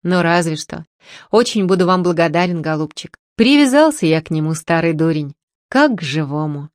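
A woman's voice: lowish voice, lively intonation, normal speed, no echo, clean studio sound, lightly acted. A woman reading the lines of an anxious, loving old puppeteer who frets over his daughter. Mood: rueful. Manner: anxious, pleading murmur. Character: old male puppeteer, fretful loving father.

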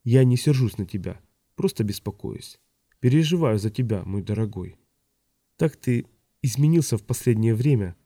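A man reading an audiobook, voicing a middle-aged noblewoman who is sharp-tongued but tender, speaking softly and quietly with occasional rises in pitch. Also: lively intonation, moderate pace, no room sound, studio quality.

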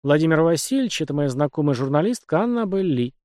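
Narrator playing a guarded young pilot guy, short skeptical lines, slightly high voice. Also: very animated, fast talker, darkish tone, no echo, clean studio sound. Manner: curt, skeptical. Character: reserved young male pilot, dry and guarded.

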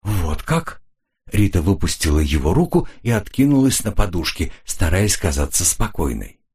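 Guy reading a crime audiobook, low husky voice, lively up and down. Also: moderate pace. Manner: steady expressive storytelling. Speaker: audiobook narrator. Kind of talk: scripted narration.

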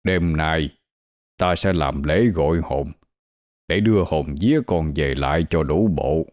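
A kindly elderly monk, put on by a male storyteller, speaks in a very deep, warm voice. He talks slowly and calmly, like a temple bell. The sound is dry and close. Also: no echo. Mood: calm, gently chiding.

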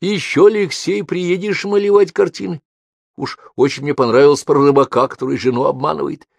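A man's voice: fairly high pitch, fairly even intonation, brisk, creaky, no room sound, pitched above the performer's own voice. A man voicing a kindly old village grandmother fondly asking a painter to return.

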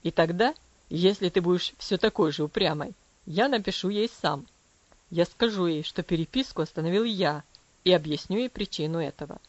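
A woman voicing a strict, cold father who speaks in a low, commanding, measured voice in an audiobook. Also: dry recording, highs cut off, lightly acted. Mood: stern, cold. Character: stern cold father, strict then tender.

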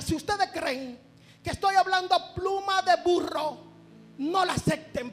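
A man's voice: very high voice, fairly bright tone. A man preaching a sermon at a church retreat. He reads scripture aloud and calls out fervently for amens and praise.

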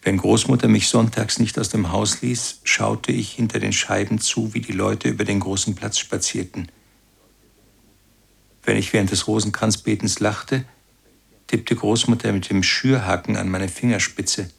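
A grown son looking back on a harsh, pious childhood in a literary radio drama. His voice is low and gravelly with a husky, rough edge, and his recollection is slow and brooding. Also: fairly even intonation, exaggerated voice. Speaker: first-person narrator. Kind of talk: literary radio play narration.

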